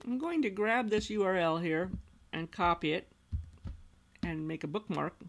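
A woman calmly narrating a screencast tutorial as an instructional designer, patiently explaining each step. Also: lowish voice, normal speed. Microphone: voice-over recorded over screen capture.

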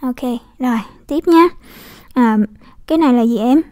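A woman's voice: high voice, normal speed, a little mellow. A woman English teacher explaining pronunciation casually, repeating model words and checking with her students. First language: Vietnamese.

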